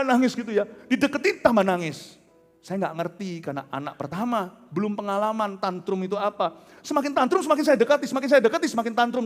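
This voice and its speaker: Lively Indonesian male pastor preaching. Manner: animated storytelling, swinging between loud outbursts and soft low asides. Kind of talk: sermon. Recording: large hall with long reverb.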